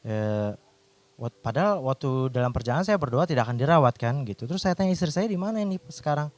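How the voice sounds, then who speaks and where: A man's voice: medium pitch, expressive, fast talker, no room sound. A man, a doctor, telling a personal faith testimony in an earnest storytelling way, with restarts.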